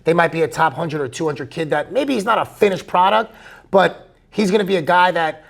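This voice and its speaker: A man with a fairly high voice and heavy creak conducts a casual interview. He rambles, building long questions in loose, conversational steps. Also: brisk. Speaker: interviewer, high school baseball coach.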